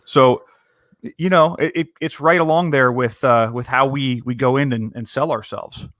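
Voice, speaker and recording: Male recruiter co-host, middle pitch, earnest and halting, dry close mic. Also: steady tone, fairly bright tone, no echo. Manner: earnest, many restarts and repeated words. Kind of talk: casual podcast conversation.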